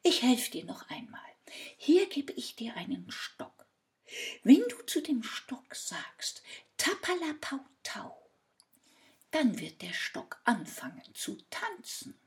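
A woman voicing an impatient fairy who scolds loudly in a high voice. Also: sing-song, slow pace, whispered, heavily acted. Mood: instructing. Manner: high, loud, reproachful.

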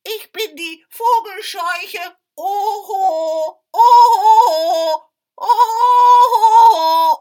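A lonely scarecrow from a storybook croaks and wails in a shrill, loud voice. It sounds overjoyed and clingy, stretching each cry out slowly. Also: female voice, heavily acted. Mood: wailing joy. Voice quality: croaking, wailing.

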